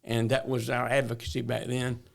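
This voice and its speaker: A man's voice: medium pitch, completely flat delivery, brisk, vocal fry. An older man from north Florida with a rural Southern drawl, telling stories in a folksy way as an interview guest. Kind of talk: storytelling interview talk.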